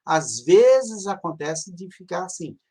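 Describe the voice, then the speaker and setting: A man's voice: high-pitched, very animated, slow, mellow, husky. A man, a reverend teaching an online class, who explains patiently and drills word endings aloud. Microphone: video call.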